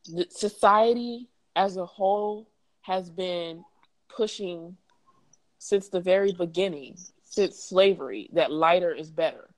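Woman co-host, lower pitch, casual chat, reflective and opinionated. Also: slow pace, rough recording. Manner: reflective, opinionated, repeats words for emphasis. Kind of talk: casual podcast discussion.

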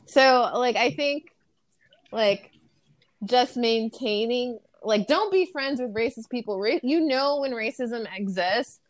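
A woman's voice: a little high, takes it slowly, dry recording. A woman talking frankly and bluntly in a casual conversation, swearing freely.

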